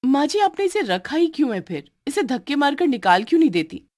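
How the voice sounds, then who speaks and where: A woman's voice: high-pitched, very animated, brisk, darkish tone, no room sound, studio quality, voice pushed up. A woman voicing a spoiled, arrogant young wife in a cartoon story who orders others around. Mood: haughty. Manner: haughty, demanding. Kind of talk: cartoon voice acting.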